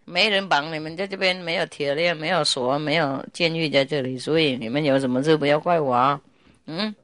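A woman spiritual teacher chats playfully with her students and tells a story, breaking into laughter often. Her voice is a little low. The recording is dry with no room echo. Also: a little fast, a bit bright. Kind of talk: casual spiritual talk with storytelling.

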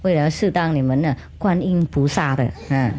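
A woman spiritual teacher telling a funny story to children in an animated, humorous way, with chatty asides. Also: sits low, moderate pace, muffled recording, a little hiss or hum.

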